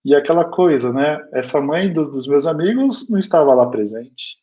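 On a dull lo-fi recording, a Brazilian man speaking with a Brazilian Portuguese accent tells a personal story during a spiritist lecture, earnest in feeling and often turning to address listeners directly. His voice is a little high, expressive and warm, at a moderate pace.

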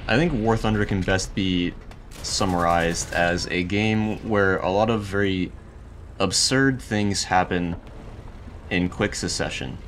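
A man's voice: low voice, slow pace, fairly bright tone, slight background noise. A young man giving casual, dry and wry commentary over his own gameplay, laughing now and then. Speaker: gaming YouTuber.

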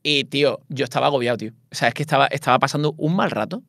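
Fast-talking man, swears a lot. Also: medium pitch, gravelly, dry recording, clean studio sound. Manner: swearing, animated and self-mocking. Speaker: streamer and interview guest. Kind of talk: casual interview chat.

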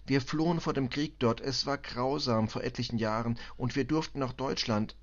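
A man voicing a distraught middle-aged female refugee cleaner who speaks halting, broken German with a Balkan accent, stammering and tearful. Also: medium pitch, dull audio, pitched above the performer's own voice, close to an everyday voice. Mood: shaken. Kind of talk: audiobook reading.

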